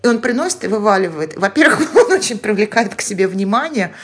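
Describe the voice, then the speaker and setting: A woman's voice: mid-range voice, big pitch swings, fast talker, breathy edge. A woman in her forties, a podcast co-host speaking frankly in casual chat. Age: 40s. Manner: frank, blunt.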